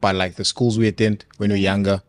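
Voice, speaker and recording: A man's voice: fairly low pitch, flat delivery, brisk. A man in his twenties from Congo, hosting a casual podcast chat in a laid-back way with slang. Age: 20s. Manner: laid-back, nods along with frequent mm's, slang. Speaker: podcast host.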